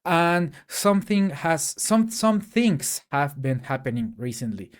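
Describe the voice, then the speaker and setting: Speaking a little slowly in a high, very animated voice, this Mexican tech YouTuber rants on his own to the camera. Spanish is his native language and he has a Mexican accent, and his casual delivery is hesitant, full of fillers and false starts.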